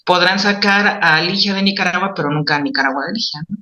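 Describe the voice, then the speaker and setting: A woman's voice: lowish voice, fast talker, sharp tone. A woman hosting an interview, reflective and probing as she asks her guests questions. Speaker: host. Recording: echoey room.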